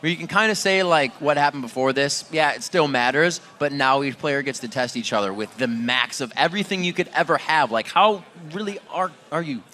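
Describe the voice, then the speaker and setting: Guy esports caster, bright forceful voice, kinda high, hyped, faint music under. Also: brisk, few pauses, a little hiss or hum. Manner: excitable, laughs often, loud bursts. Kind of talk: play-by-play wrap-up commentary.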